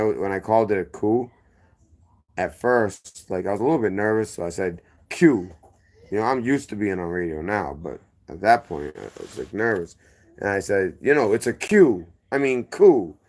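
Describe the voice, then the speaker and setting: A low-pitched, animated, slightly mellow male voice at normal pace belongs to a strong-accented man from Boston's inner neighborhoods. As a guest he tells his story casually, rambling off on tangents, circling back, and correcting himself.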